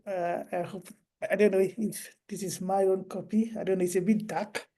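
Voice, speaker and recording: Hosting an online book discussion over a video call, a woman speaks in a semi-formal, halting, deliberate manner. Her mid-range voice has a dark tone and little pitch movement.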